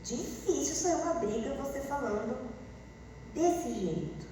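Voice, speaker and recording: A woman gives a classroom lecture in a fairly high voice, acting out example dialogues as she goes. She sounds distant from the mic. The room rings with strong echo and a long reverb tail. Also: a little slow, slight background noise. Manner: animated, acts out example dialogues with shifting voices. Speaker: teacher. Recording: echoey room, voice far from the mic.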